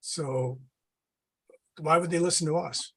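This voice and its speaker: A man's voice: fairly high pitch, fairly even intonation, slow pace, creaky, bright, forceful tone, husky. A man calling in to a talk show with blunt, skeptical comments. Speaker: caller. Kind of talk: call-in comment.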